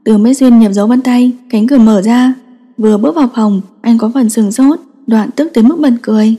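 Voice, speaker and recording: A woman narrating a story in a steady, scripted storytelling style. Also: fairly high pitch, brisk, big-room sound. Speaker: audiobook narrator.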